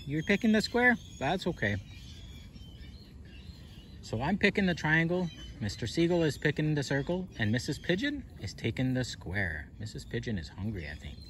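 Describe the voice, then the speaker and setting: A man's voice: on the high side, sing-song, moderate pace, fairly bright tone. A man hosting a children's counting game outdoors, talking playfully to small children and asking them lots of questions. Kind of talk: playful narration addressed to young children. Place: outdoors on grass in a park. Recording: outdoor ambience with birds, faint noise. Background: birds and outdoor ambience.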